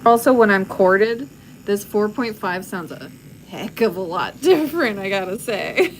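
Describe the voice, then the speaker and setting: A woman's voice: medium pitch, lively intonation, unhurried, a little hiss or hum, low-quality recording. A woman tattoo artist hosting a casual livestream chat while she works, speaking frankly and laughing easily. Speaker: tattoo artist and channel host.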